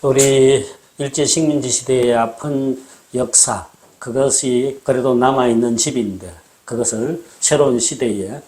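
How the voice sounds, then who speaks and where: A man hosting a casual talk, explaining things in a measured, storytelling way, recorded indoors in an old house. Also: medium pitch, a little mellow. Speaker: host.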